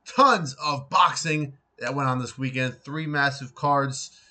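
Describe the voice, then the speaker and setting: A man hosts a casual boxing recap with a bright, forceful voice. He rambles through results, full of ums, uhs and false starts. His pitch sits in an ordinary middle range. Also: a little slow. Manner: rambling, many fillers and restarts. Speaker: boxing show host.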